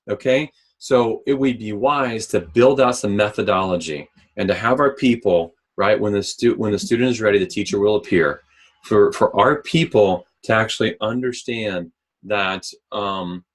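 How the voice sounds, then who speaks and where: A man with a fairly low voice coaches a sales team through a presentation on recruiting. He keeps asking the listeners questions and clears his throat now and then. He is close to the mic, as on a call. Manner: coaching, asks the audience questions. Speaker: mortgage recruiting trainer. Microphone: close mic, remote call.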